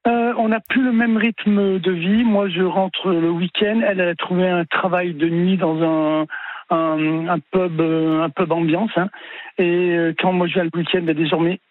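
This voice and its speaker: A man in his sixties speaks on a tinny, dry phone line, and his voice sits high for a man. He tells his story haltingly, stalling and repeating words as he goes. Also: steady tone, dry recording. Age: 60s. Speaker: caller. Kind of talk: telling his life story on a call-in show.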